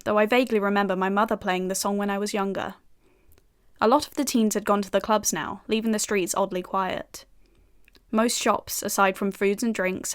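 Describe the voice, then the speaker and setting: A woman's voice: mid-range voice, lightly acted. A young British woman playing a self-assured FBI agent and narrating in first person with dry, sardonic asides. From United Kingdom.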